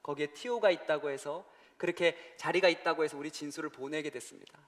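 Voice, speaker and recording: A man's voice: fairly high pitch, fast talker. A male pastor telling a personal story in a sermon, acting out phone calls and voices as he goes. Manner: storytelling, acts out calls and his brother's voice. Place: church sanctuary. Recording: church hall reverb.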